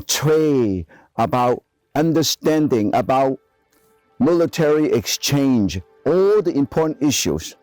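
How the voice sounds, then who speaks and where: A man's voice: a little high, darkish tone. Enthusiastic older man with Cantonese accent. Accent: Cantonese-accented English. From Guangzhou, China. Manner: enthusiastic, emphatic, broken English phrasing. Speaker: chef and presenter. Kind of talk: documentary presenting to camera.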